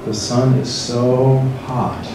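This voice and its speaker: A middle-aged man with an American Midwest accent leads a church forum, guiding listeners through a story in a slow, reflective second-person way, holding a handheld mic in a large hall. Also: medium pitch. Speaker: priest leading a church forum. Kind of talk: guided meditation and interactive forum talk. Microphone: handheld mic, filmed from far across the room. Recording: echoey hall, distant mic, room noise.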